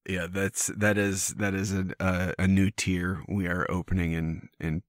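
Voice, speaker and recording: Deep-voiced male podcast co-host, dry close sound, teasing banter with frequent restarts. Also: level tone, a little slow, no room sound. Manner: teasing, repeats words as he restarts. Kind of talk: casual chat.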